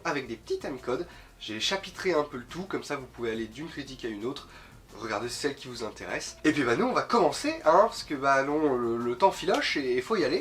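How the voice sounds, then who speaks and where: A man's voice: on the high side, fairly bright tone. A man with a nasal, sniffly voice from a slight cold, giving an informal, rambling film review as host, often stumbling and repeating words. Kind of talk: casual film review talk to camera.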